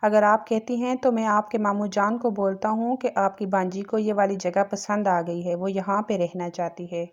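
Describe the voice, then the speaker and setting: A woman reading the lines of a gentle, teasing young husband in an audio novel, speaking softly. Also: medium pitch, steady tone, few pauses, muffled recording, close to an everyday voice. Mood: tender. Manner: soft, gentle questioning.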